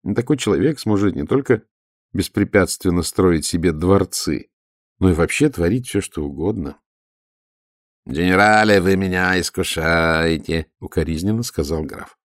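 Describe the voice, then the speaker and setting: Low, lively male audiobook narrator. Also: moderate pace, no room sound, studio quality. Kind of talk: first-person audiobook narration.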